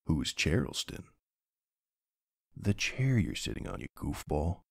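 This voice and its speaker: A man's voice: very deep voice, very animated, slow pace, vocal fry, husky, dry recording, studio quality, heavily acted. A man playing a young streamer boyfriend in a role-play, chatting casually in a playful, teasing, easily flustered and affectionate way. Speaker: roleplay voice actor.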